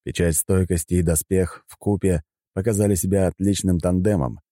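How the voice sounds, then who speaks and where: A male narrator tells a first-person adventure story in a steady, even manner. His voice is very low and mellow, and it sounds dry and close to the mic. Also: moderate pace, dry recording.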